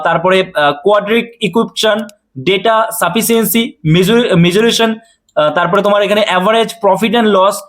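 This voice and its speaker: Man, coaching teacher, high voice, rapid delivery, talks straight to viewers. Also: a bit bright. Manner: quick, addressing viewers directly with frequent check-ins. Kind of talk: exam-notice explainer.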